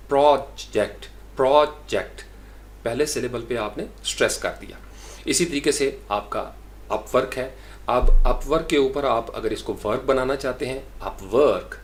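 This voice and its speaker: A man from Pakistan teaching English pronunciation in a casual tutoring style, repeating words slowly and stretching their syllables to show where the stress falls. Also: medium pitch. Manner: explanatory, conversational tutoring. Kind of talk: spoken language lesson.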